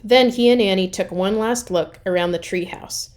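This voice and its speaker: Expressive woman reading a children's story. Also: mid-range voice, normal speed. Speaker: reader of a children's chapter book. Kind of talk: expressive read-aloud storytelling.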